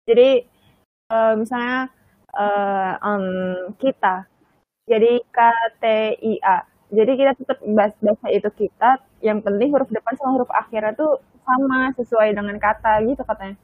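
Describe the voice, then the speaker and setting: A young woman chats in an offhand, slangy way, her voice a little high. The sound is dry and thin, like a phone line. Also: steady tone, normal speed, no room sound. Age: young adult. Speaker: co-host. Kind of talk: casual chat.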